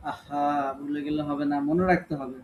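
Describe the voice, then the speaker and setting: High-voiced patient male recitation teacher. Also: fairly even intonation, brisk, darkish tone, dull audio, slight background noise. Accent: Bangladeshi Bengali. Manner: patient, corrective, prompting students to read. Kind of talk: online class, calling on students.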